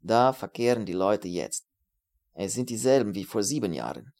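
A man's voice: fairly low pitch, lively intonation, moderate pace, darkish tone. A man reading Tschernikow, a worldly exile. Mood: brisk. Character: Russian, worldly male fellow exile.

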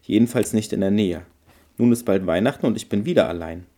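A man's voice: fairly low pitch, fairly quick, dark tone, lightly acted. A man voicing a lonely, grumpy male forest creature in a storybook reading. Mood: grumbling. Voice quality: grumbling.

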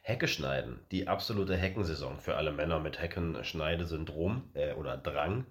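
A man's voice: extremely low pitch, lively intonation, moderate pace. A man hosting a casual family podcast, rambling and hesitant with many fillers. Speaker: podcast host, father.

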